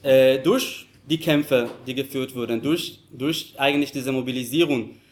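Halting man from Israel giving a lecture. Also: medium pitch. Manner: halting, many fillers and restarts. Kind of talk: public lecture. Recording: audio recording of a talk.

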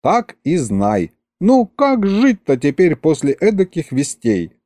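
Gloomy old grandpa, a man doing him, sighs a lot, slow folksy grumble. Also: fairly high pitch, wildly swooping pitch, darkish tone, dry recording, pitched above the performer's own voice, heavily acted. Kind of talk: audiobook character reading.

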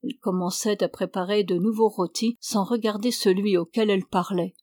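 A woman's voice: mid-range voice, fairly even intonation, moderate pace, dark tone, no room sound. Woman reading a novel aloud, dry sound. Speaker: audiobook narrator. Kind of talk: audiobook narration of a novel.

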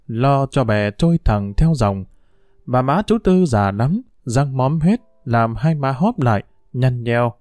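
Man, storybook narration, measured reading, dry close sound, mid pitch. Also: mellow, no room sound.

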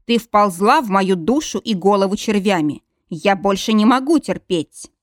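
A woman voicing an obsessed, menacing man in an audiobook, speaking slowly and heavily with a growl. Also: medium pitch, animated, no echo, studio quality, close to an everyday voice. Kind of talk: audiobook reading.

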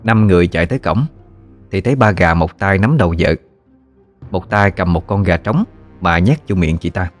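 A man narrating a ghost story in an even, storytelling delivery. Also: sits low, moderate pace, faint music behind.

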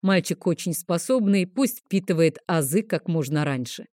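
A calm male dragon in human guise, as a woman reader lowers her voice for him, sounding soothing and a little dismissive. His tone is deep and mellow, and the recording is dry and close. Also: normal speed, dry recording, natural voice. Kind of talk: audiobook character reading.

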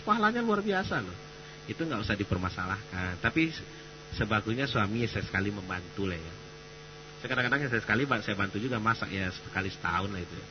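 Joking male preacher, humming recording. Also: mid-range voice. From Sumatra. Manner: chatty, joking, animated. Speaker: Islamic preacher. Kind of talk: casual lecture. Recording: dull recording with mains hum.

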